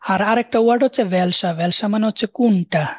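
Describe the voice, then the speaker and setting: A man's voice: high-pitched, dry recording, studio quality. Man teaching German words. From Bangladesh. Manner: repeats and slowly spells out words. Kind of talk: live online class explaining vocabulary.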